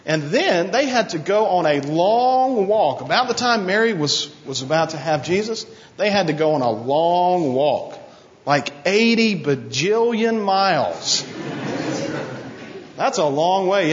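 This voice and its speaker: A man's voice: high voice, slight background noise. A man giving a children's sermon in a church sanctuary, asking the children questions and leading them in call and response. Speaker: children's minister. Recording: dull lo-fi recording, long church reverb.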